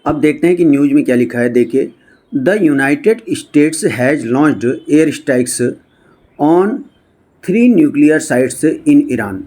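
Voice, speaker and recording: A man teaching an English lesson, reading newspaper phrases slowly and then explaining them to his viewers. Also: a little high, mellow. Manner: addresses viewers directly.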